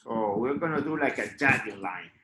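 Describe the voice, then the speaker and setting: A man teaching an online drawing class, talking slowly and patiently and often checking in with "okay?". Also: mid-range voice, lively intonation, bright, forceful tone, reverberant, a little hiss or hum, poor audio. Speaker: art teacher.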